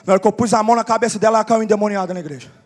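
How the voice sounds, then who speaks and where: A male pastor telling testimonies in a sermon, animated, acting out the dialogue and building to shouts. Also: high voice, very fast, in a large hall, soft background music. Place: church conference.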